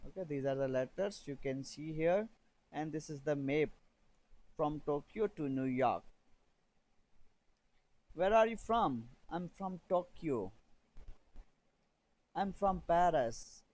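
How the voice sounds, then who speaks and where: A man teaching a beginner English lesson, reading drill sentences slowly and repeating phrases for learners to copy. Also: on the high side, lively intonation, darkish tone, low-quality recording.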